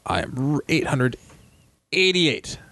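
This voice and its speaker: Lively, laughing game master man. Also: fairly high pitch, slow, vocal fry. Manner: laughs often, loose and joking. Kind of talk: narrating a tabletop game.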